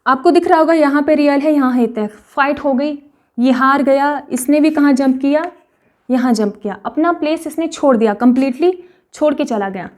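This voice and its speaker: High-pitched woman teaching Korean patiently. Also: darkish tone. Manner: patient, repeats practice words slowly, frequent "okay". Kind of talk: explanatory online lesson.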